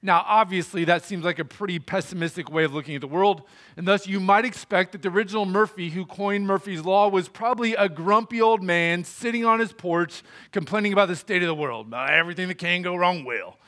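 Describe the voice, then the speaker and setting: Man, pastor, sermon in a church, earnest, steady, higher-pitched. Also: fairly quick. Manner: earnest, steady preaching with a prayer. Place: church sanctuary.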